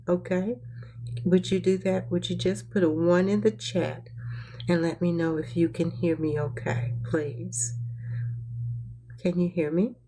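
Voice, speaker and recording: A woman's voice: fairly low pitch, mellow, slight background noise. A woman hosting a live-streamed motivational talk, congested and stuffy-nosed, who repeats her phrases and coaxes her audience to respond. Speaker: livestream host.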